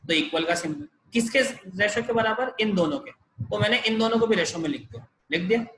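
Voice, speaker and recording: A man's voice: high voice, expressive, a little fast, fairly bright tone, slight background noise, rough recording. A man teaching a math class over a video call, explaining each step patiently. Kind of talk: online math lesson.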